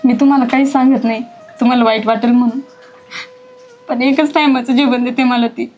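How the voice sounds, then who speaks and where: Give me an actress as a heartbroken crying stepdaughter pleading with her father in a high voice. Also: fairly even intonation, fairly quick, darkish tone, dull audio, soft background music, lightly acted. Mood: tearful. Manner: tearful, pleading. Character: mistreated young village stepdaughter, heartbroken. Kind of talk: village drama acting.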